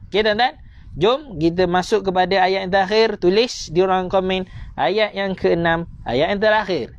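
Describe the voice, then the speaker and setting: High-voiced Malaysian man teaching Quran recitation. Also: lo-fi sound. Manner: repetitive, coaxing teacher, slows to drawn-out recitation. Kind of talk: online tajwid lesson.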